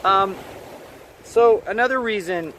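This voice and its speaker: A man with a slightly high voice coaches aspiring actors in a direct, emphatic way, checking in with his listeners as he goes. He is recorded outdoors, with clear wind and street noise in the background. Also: takes it slowly, a bit bright. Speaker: acting coach. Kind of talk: advice monologue to camera.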